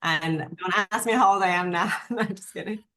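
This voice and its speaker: Woman, from Iran, podcast guest, nurse, earnest, lower pitch. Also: a little fast. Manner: warm, laughs easily, earnest. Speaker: guest, nurse and health coach. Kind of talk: podcast interview.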